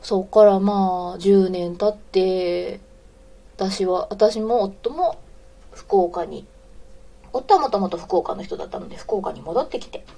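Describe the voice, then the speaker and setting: Woman around forty, Kansai accent, mellow tone; chatty, giggly live-stream host who greets listeners mid-story. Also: mid-range voice, measured pace, creaky. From Osaka. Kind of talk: casual live radio chat, reading listener comments.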